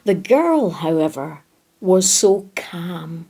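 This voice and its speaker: A woman gently reading a children's animal story aloud. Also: on the low side, sing-song, slow pace, husky. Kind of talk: scripted storybook narration.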